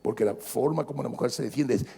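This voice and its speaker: A male pastor preaching an animated sermon, joking with the congregation and repeating phrases for emphasis. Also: mid-range voice, fast, vocal fry, breathy edge. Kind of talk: lively sermon. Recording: long reverb of a large church hall.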